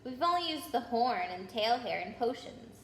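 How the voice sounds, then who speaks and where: Harry Potter, bewildered high-voiced schoolboy, read by a woman. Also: very animated, normal speed, fairly bright tone. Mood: puzzled. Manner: questioning, hesitant. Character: bewildered, shaken young schoolboy. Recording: roomy echo with noise.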